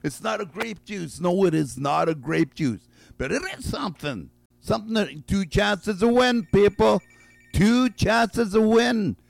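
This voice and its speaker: On a call-in radio guessing game, the host, who is losing his voice, stretches out each guess and repeats it slowly, chuckling between them. His voice sits high, with vocal fry and lively intonation, and the sound has no echo.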